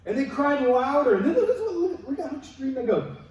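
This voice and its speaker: A man preaching a sermon as a pastor, in an energetic, conversational way with rhetorical questions. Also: very high-pitched, brisk. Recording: very echoey hall, distant mic.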